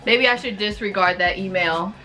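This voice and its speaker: Bright-voiced young woman, naively persistent. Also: mid-range voice, moderate pace, faint music behind, low-quality recording. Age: 20s. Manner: feigned naive, persistent questioning. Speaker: prank caller in a video. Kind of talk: casual phone prank call. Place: small indoor room.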